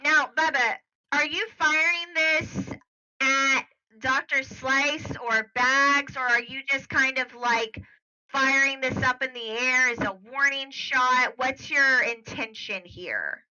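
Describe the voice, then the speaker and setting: A woman's voice: high-pitched, steady tone, slow, sharp tone, lo-fi sound. A woman acting as game master, narrating a tabletop game in a casual, rambling way. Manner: casual, rambling with filler words.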